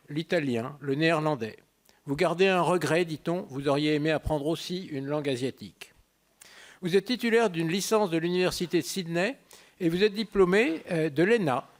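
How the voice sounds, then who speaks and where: A man with a fairly high voice reading a formal introduction of a guest. He speaks in a measured way, clearing his throat now and then. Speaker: institute president introducing the guest.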